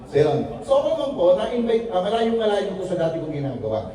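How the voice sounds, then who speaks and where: A man with a mellow, higher-pitched voice tells his story to an audience, joking and acting out the dialogue as he goes. He sounds distant, in a very echoey meeting room with faint background noise. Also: sing-song, fast. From Philippines. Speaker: invited speaker at a business presentation. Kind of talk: testimonial speech to a seated audience.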